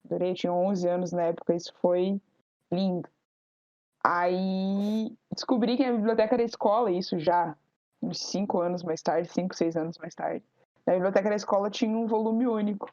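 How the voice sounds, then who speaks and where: A woman in her twenties from Paraná, Brazil, chatting on a group podcast and telling stories in a lively way. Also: fairly low pitch, moderate pace, dry recording. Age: 20s. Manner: lively, storytelling. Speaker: podcast co-host. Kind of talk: casual group podcast chat. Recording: dry, dull lo-fi recording.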